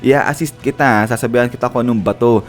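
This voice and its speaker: A man's voice: medium pitch, fast talker, soft background music, natural voice. A man voicing a cocky, teasing ninja hero in an anime retelling. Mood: smug.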